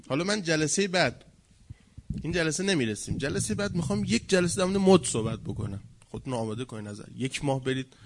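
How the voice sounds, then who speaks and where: A man giving a religious lecture, mocking people in quick put-on voices and swinging between loud and quiet. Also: mid-range voice, slight background noise.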